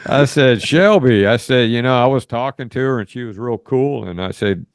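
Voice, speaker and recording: A man's voice: medium pitch, normal speed, clean tone, no room sound, studio quality. A man co-hosting a podcast, chatting casually and rambling with lots of uh and restarts. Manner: rambling, many fillers and restarts. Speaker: podcast co-host.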